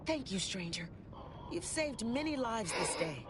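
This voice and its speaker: An earnest survivor with a high voice that swings up and down. She speaks in formal, grateful phrases over heavy game noise. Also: big pitch swings, unhurried. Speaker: game character. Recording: game audio with loud background noise.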